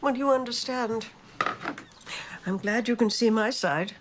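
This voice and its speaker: A woman's voice: on the high side, measured pace, noisy background, lightly acted. An older woman with an English accent playing a cool, haughty elderly mother in a television drama, with a clipped, genteel dowager-duchess manner. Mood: stiff, guarded.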